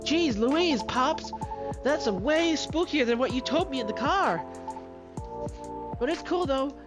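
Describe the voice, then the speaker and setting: A man voicing an excitable, easily spooked teenage boy in a squeaky, drawn-out voice while streaming a game. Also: exaggerated voice. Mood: excited. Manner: squeaky, wide-swinging and drawn out. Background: loud game music.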